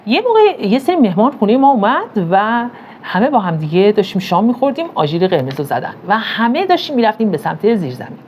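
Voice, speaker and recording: Middle-aged woman from Iran, motivational speaker, storytelling with rhetorical questions, mid-pitched, slight noise behind. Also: big pitch swings, darkish tone. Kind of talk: motivational talk to camera.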